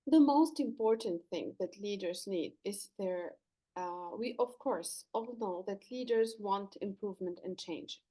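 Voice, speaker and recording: A Lebanese woman who works as a leadership coach appears as a podcast guest, earnestly explaining what she does. Her voice is medium in pitch and warm, and she speaks at a measured pace. Her interview answers are explanatory, with some fillers and restarts.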